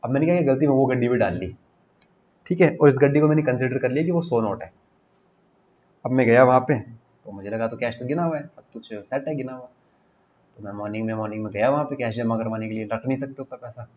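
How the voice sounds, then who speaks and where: A man's voice: mid-range voice, fast, darkish tone. A young man, an exam coaching teacher, talking casually in an online class, telling stories and repeating himself as he explains. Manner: chatty storytelling, mixing English phrases, repeats himself. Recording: slightly dull audio with faint noise.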